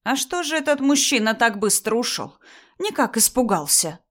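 A woman reading a story aloud and voicing a spiteful, suspicious older mother-in-law who talks in a shrill, accusing way. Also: sing-song, normal speed. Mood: furious.

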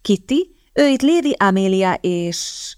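A woman voicing a dreamy, easily distracted young sister in a storybook reading, speaking slowly and airily. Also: mid-range voice, big pitch swings, darkish tone, clean tone, dry recording, studio quality, lightly acted. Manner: dreamy, slow, airy.

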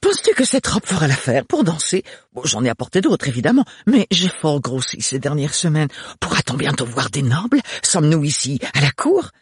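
A man playing a spoiled young woman whose voice shoots up high and stretches slowly into whines. Her shrill tone stays lively and dramatic, on a husky, dry storybook reading. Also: dry recording, heavily acted. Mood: whiny.

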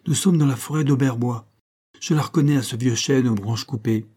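A man's voice: mid-range voice, brisk, dark tone, slightly rough, close to an everyday voice. A man doing a frightened humble coachman. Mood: apologetic. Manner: fearful, pleading.

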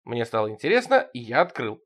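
A man narrating a surreal, crude comic story in an expressive reading, moving between loud outbursts and low asides. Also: fairly quick, breathy edge.

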